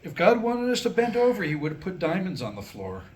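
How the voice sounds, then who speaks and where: A middle-aged male playwright performs a comic monologue and stories at a staged reading for a live audience. His high voice swoops wildly in pitch and he talks fairly quickly. The live room recording has background noise.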